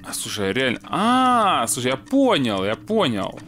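A man's voice: medium pitch, huge pitch swings, brisk, slight background noise. A man playing a puzzle game with a friend, chatting casually and muttering mild curses as he works things out. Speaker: let's play gamer. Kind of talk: casual co-op gameplay chat.

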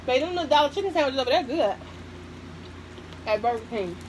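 A woman's voice: sits high, fast talker, a little hiss or hum, rough recording. Woman talking with her mouth full. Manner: relaxed, chatty food commentary with murmurs of approval. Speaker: mukbang host. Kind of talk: casual chat while eating.

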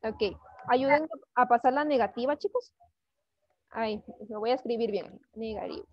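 High-pitched lady teacher, patient and coaxing, dry dull sound, online class. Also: normal speed, no echo. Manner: patient, coaxing, switches between Spanish and English. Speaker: English teacher.

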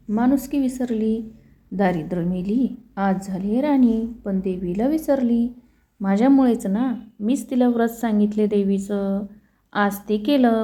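A woman voicing a proud, poor old woman who scolds slowly and deliberately. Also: medium pitch, mellow, close to an everyday voice. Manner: slow, measured scolding.

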